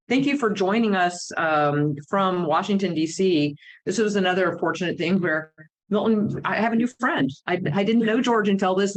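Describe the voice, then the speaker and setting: A woman's voice: deep voice, rough recording. An American woman moderating a conference panel, chatty and informal, with many fillers and restarts. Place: conference room with audience.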